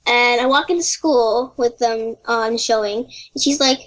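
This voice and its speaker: A ten-year-old girl talking as a podcast guest, telling stories in a chatty way with many "like" fillers and quoting other kids in lively voices. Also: fairly high pitch, unhurried, poor audio. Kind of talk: casual chat.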